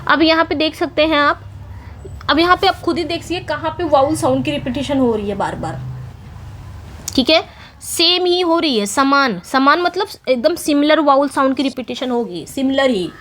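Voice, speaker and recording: A woman, teaching an English exam-prep lesson in mixed with English terms, reading English questions slowly and asking and answering her own questions. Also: high-pitched, expressive, a bit bright, a little hiss or hum.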